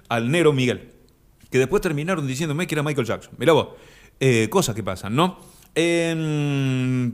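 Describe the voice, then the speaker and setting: A man with an Argentine accent hosting a comic live stream, reading comments aloud with deadpan absurd humor and sudden high shouted voices. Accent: Argentine Spanish. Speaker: comic host of an Instagram live.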